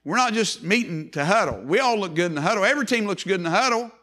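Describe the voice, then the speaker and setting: An older man preaching a sermon in church, repeating key phrases and slowing down hard on words he wants to stress. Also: high-pitched, lively intonation, sharp tone. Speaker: pastor.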